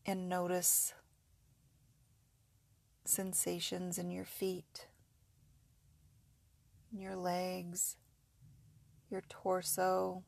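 A woman's voice: lowish voice, completely flat delivery, very slow, vocal fry, long pauses, darkish tone, no room sound. A woman narrating guided sleep hypnosis like a sleep story narrator, in a soothing, repetitive, suggestive way.

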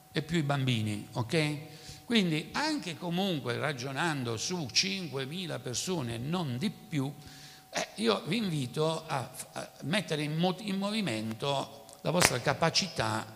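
Man, preacher, sermon, gravelly voice, long hall reverb. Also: mid-range voice, slight background noise. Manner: animated, rhetorical questions to the congregation.

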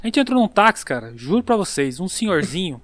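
High-voiced São Paulo man spinning a yarn. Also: fast talker, no room sound. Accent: São Paulo Portuguese. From São Paulo, Brazil. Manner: animated, slangy storyteller who acts out voices. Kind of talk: casual chat, storytelling.

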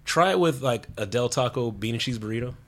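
A man in a casual chat, agreeable and quick to chime in. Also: mid-range voice, expressive, fairly bright tone.

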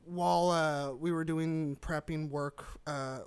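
A man's voice: fairly high pitch, steady tone, slow, clean tone. A young man co-hosting a podcast in casual chat, rambling and stammering with frequent laughs and casual swearing. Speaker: podcast co-host.

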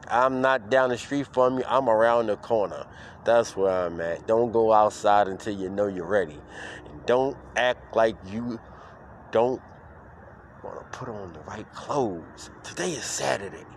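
A man hosts his podcast from the street like an exaggerated morning-radio DJ, stretching out cheers and laughing between lines. He talks at a slow, easy pace. Faint traffic and outdoor ambience sit behind him. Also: medium pitch. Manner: hype-man energy, drawn-out shouted words, laughing. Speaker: podcast host. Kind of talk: playful mock morning-radio show.

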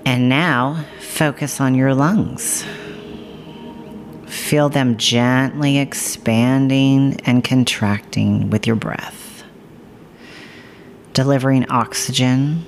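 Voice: medium pitch, fairly even intonation, slow, long pauses. A narrator leading a scripted guided meditation in a soothing, hypnotic, reassuring manner. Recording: music bed behind the voice. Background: music.

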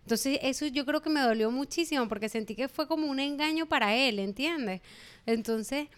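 Mom chatting, fairly high voice, acts out the back-and-forth, laughs a lot. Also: female voice, normal speed, smooth. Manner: animated storyteller, acts out dialogue, laughs often. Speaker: mother talking about her son starting school. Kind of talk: casual chat.

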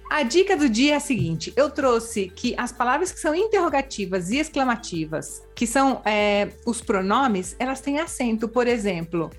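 A woman explaining language points in casual chat, with frequent tag questions and worked examples. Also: mid-range voice. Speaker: Spanish language teacher.

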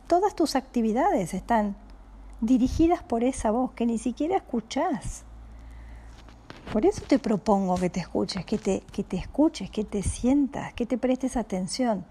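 A woman with a Rioplatense Spanish accent giving a calm, reflective spiritual talk, speaking slowly and often dropping into a soft whisper. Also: on the high side, a little hiss or hum. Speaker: spiritual teacher.

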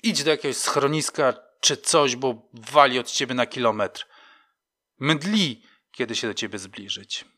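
A man voicing a gruff, mocking police sergeant who talks bluntly and with scorn in an audiobook. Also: lowish voice, moderate pace. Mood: scornful. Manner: scornful, blunt, sometimes shouting.

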